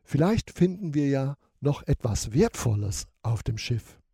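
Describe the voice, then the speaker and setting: A man doing a quick, sensible young sidekick. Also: medium pitch, big pitch swings, creaky, warm tone, slightly rough, no echo, studio quality, heavily acted. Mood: matter-of-fact.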